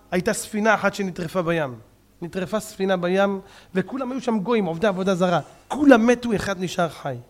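A man preaching a sermon as a rabbi, with great passion. He swings from fiery outbursts to soft, pleading appeals. His voice sits high. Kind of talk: impassioned sermon.

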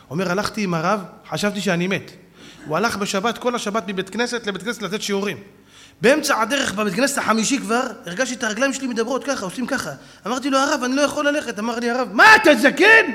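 A man preaching a sermon and telling stories, acting out the people in them and often shouting. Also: high-pitched, big-room sound. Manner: animated storyteller who acts out quotes, often shouting.

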